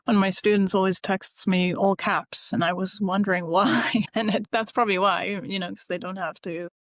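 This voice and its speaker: A woman's voice: medium pitch, steady tone, moderate pace, dry recording, clean studio sound. A woman hosting a podcast and chatting casually, laughing easily as she talks. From San Francisco area. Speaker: podcast host, advertising teacher. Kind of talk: casual interview talk.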